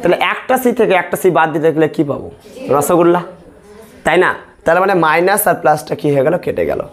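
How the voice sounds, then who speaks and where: A man's voice: on the high side, big pitch swings, a little fast. A male math teacher leading a classroom lesson, asking questions and repeating the answers step by step. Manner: repetitive call-and-response questioning.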